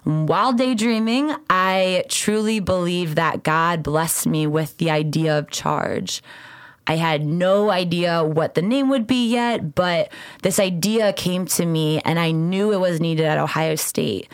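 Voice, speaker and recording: A woman's voice: lowish voice, measured pace, no room sound, clean studio sound. A woman in her twenties hosting a podcast, telling stories casually in an enthusiastic, earnest way. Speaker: podcast host and founder.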